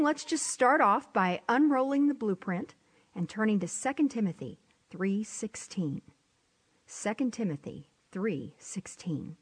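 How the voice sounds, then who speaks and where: A woman teaching a sermon from Scripture, expressive and sometimes dropping to a near-whisper for emphasis. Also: fairly high pitch, breathy edge. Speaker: Bible teacher.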